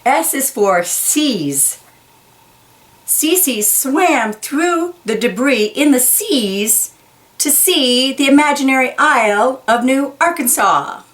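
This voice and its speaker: A woman reads a children's picture book aloud in a high, animated, slightly bright voice. She keeps a slow, deliberate pace, carefully stressing key words and explaining them simply for young listeners.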